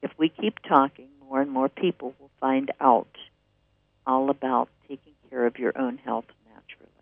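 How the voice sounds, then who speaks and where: His voice is gravelly and medium-pitched, moving at a normal pace with fairly even intonation. He's a radio host rambling enthusiastically while plugging classes and articles, and the recording is dry, narrow and phone-like.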